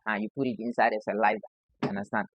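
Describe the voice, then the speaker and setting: Ghanaian barber with a dry voice. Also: male voice, on the low side, steady tone, rapid-fire, husky, no echo, dull audio. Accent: Ghanaian English. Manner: repeats "you understand?" as a constant check-in. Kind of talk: casual instructional demo.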